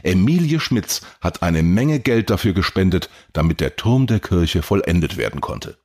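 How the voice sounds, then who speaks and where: Man as chatty antiquarian, deep husky voice, audiobook. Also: very animated, normal speed, a little mellow, full character voice. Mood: calm, chatty. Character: older male antiquarian, calm and chatty.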